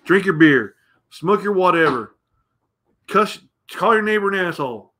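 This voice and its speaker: A man's voice: high-pitched, lively intonation, normal speed, a bit bright. A middle-aged American man hosting a show, ranting bluntly and profanely and rambling as he goes. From United States. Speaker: podcast host. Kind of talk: opinionated rant.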